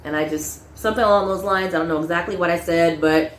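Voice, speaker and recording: A young adult woman casually telling a personal story, animated, laughing often and acting out quoted lines. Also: lowish voice, fast, echoey room, slight background noise.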